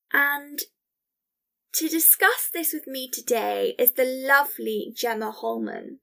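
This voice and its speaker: A woman with a fairly high voice and a touch of creak presents a podcast. Her delivery is scripted yet chatty. She comes across as effusive and enthusiastic. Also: fairly bright tone. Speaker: podcast host.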